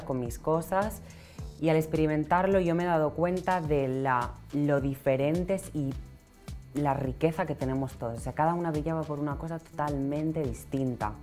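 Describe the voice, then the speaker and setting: Deep-voiced young woman. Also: a little mellow. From Catalonia, Spain. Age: 20s. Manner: earnest, reflective, repeats words when searching. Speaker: pageant winner guest. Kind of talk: casual interview answers. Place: small TV studio set, indoors. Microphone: lapel mic.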